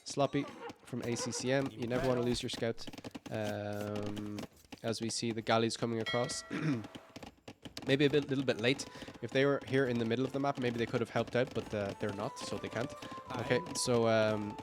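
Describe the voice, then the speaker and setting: A male esports caster gives live play-by-play over music, his mid-range voice croaky and tired late in a long stream. He rambles upbeat at a moderate pace with fairly even intonation, dropping frequent "uh"s and correcting himself.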